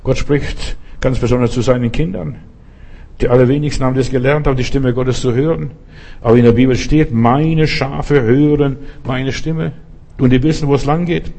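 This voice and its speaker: A man's voice: mid-range voice, steady tone, normal speed, creaky, warm tone. A man preaching a sermon in an earnest, direct way, speaking straight to each listener.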